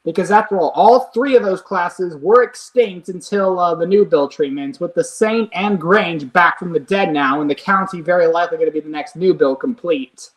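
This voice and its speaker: Streamer, host, casual livestream chat, enthusiastic, rambling, mid pitch. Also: normal speed, hardly any pauses, poor audio.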